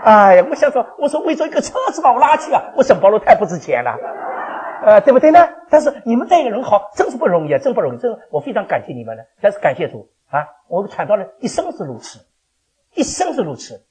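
An older man preaching a sermon to his congregation as their pastor, animated and chuckling as he fires questions at the listeners. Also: high voice, fast talker. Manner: animated, quizzes the congregation with questions, laughs often. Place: church.

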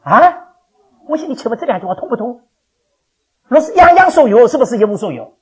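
An older man preaching a sermon to his congregation as their pastor, animated and chuckling as he fires questions at the listeners. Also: very high voice, a little fast, slightly rough. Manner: animated, quizzes the congregation with questions, laughs often. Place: church.

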